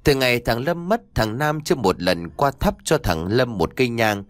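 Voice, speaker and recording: A man's voice: medium pitch, expressive, moderate pace, dry recording. A man narrating a sad ghost story as an audiobook, reading dramatically.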